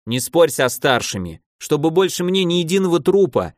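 A man's voice: on the high side, sing-song, moderate pace, no room sound, clean studio sound, pitched above the performer's own voice. A man voicing a boisterous old archmage stuck in a child's body, who bellows gleefully and scolds in a wheedling tone. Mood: indignant.

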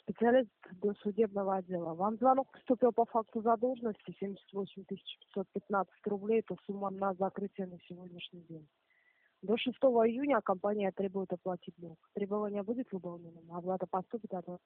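A woman's voice: medium pitch, a little fast, no echo. A woman working as a debt collector on a call, officious and needling. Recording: narrow tinny phone line.

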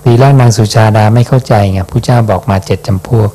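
A man, a Buddhist monk, reading scripture aloud and explaining it in an unhurried dhamma talk, ending phrases with a soft questioning particle. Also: mid-range voice, slight background noise.

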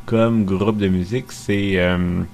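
A Québécois man speaks in a slow, low voice. He rambles casually about his music, joking and swearing offhand. A faint noise sits under the recording. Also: steady tone, darkish tone. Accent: Québécois French. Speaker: vlogger playing his CDs. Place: dim room at home.

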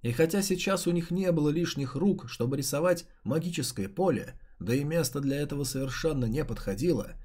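A man reading a story aloud in steady, even scripted narration. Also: a little high, brisk, few pauses, breathy edge. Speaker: audiobook reader.

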